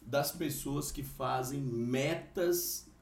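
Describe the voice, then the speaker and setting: A man's voice: mid-range voice, extremely slow, creaky, recorded from a distance. A middle-aged father hosting a casual family podcast, teasing and steering his daughters' chat. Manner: teasing, playful moderator. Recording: echoey room.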